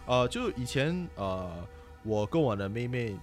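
说话起伏很大的新加坡口音男声. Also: male voice, medium pitch, measured pace, faint music behind. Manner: animated, mixes English words into Mandarin. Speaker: podcast guest storyteller. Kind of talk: casual ghost-story chat.

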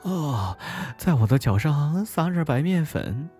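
A man's voice: sing-song, a little slow, warm tone, soft background music. A man voicing a sly hungry wolf who fakes a sweet mother's voice, sugary and scheming. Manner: sugary falsetto with a sly edge.

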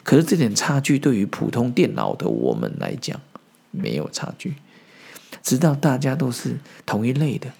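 A man's voice: medium pitch, huge pitch swings, moderate pace, gravelly, mellow, breathy edge. A man hosting a podcast, giving a casual Buddhist teaching talk, chatty asides and acted quotes. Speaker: podcast host.

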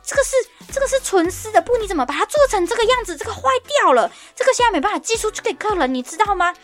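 A woman mimicking a shrill, panicky female coworker. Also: lively intonation, rapid-fire, faint music behind. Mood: scolding. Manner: shrill, alarmed, nagging repetition.

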